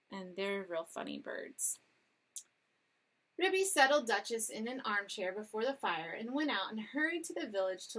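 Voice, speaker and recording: A woman's voice: mid-range voice, a bit bright. Woman reading a storybook aloud. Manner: casual asides, explaining words. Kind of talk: storybook read-aloud with explanations.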